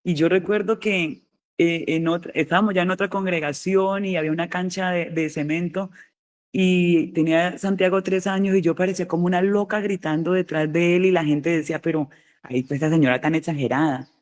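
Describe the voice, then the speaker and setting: A woman preacher giving a fervent sermon testimony, repeating her exhortations and slowing down on key phrases. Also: lowish voice, fairly even intonation, a little mellow.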